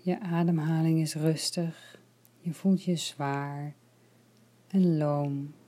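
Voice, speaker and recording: Soft-spoken woman guiding relaxation. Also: sits low, fairly even intonation. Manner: slow, soft and soothing, partly whispered. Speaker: relaxation guide. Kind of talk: guided relaxation meditation.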